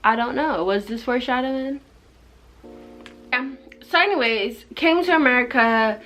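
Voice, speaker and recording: Young adult woman, from Jamaica, higher-pitched voice, casual storytime vlog, rambling chatty delivery, light background music. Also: normal speed, fairly bright tone. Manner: conversational, rambling, frequent "like". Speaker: vlogger. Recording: music behind the voice.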